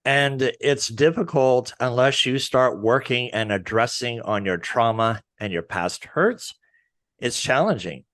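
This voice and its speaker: Male interview host, informal and rambling, medium pitch, dry close sound. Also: animated, a little slow, a bit bright, dry recording. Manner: informal, rambling, loses his thread. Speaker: podcast host and counselor. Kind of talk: interview hosting.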